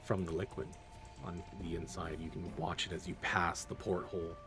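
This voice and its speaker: A man's voice: low-pitched, level tone, moderate pace, a bit bright. A man running a tabletop game as game master, narrating loosely with restarts and fillers. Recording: music playing behind.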